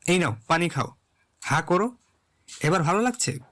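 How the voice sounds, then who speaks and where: A caring young man, played by an actor, whose fairly high voice presses gently and does not back down. It sounds like an audio drama. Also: animated, normal speed. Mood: tender. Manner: coaxing, insistent, tender. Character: caring young man Redwan, insistent and tender. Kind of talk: Bengali audio drama acting.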